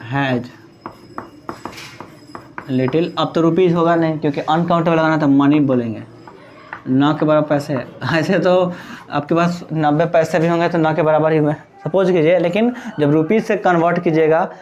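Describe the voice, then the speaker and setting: A man's voice: fairly high pitch, fairly even intonation, moderate pace, darkish tone, dull audio, a little hiss or hum. A male English teacher giving a classroom grammar lesson, mixing Hindi with English terms and answering his own questions to the class. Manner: explains by asking the class questions and answering them himself.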